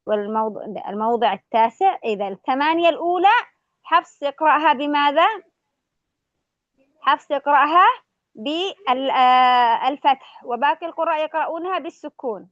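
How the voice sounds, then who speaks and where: A woman teaching the variant readings of the Quran, explaining each word and chanting the verses slowly. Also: sits high, a bit bright, no echo, dull audio.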